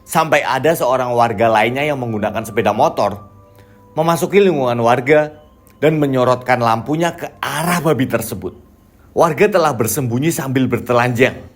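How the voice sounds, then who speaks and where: A man telling a scripted village horror story in an even, measured way. His pitch sits in a middle range, and faint music plays behind his voice. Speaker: narrator.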